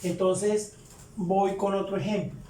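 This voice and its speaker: A man teaching English grammar step by step, repeating each example sentence slowly and patiently. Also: sits high, little pitch movement, dark tone, soft background music. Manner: slow, repetitive, explains each example twice. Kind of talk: step-by-step tutorial. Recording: roomy, distant mic with faint ambience.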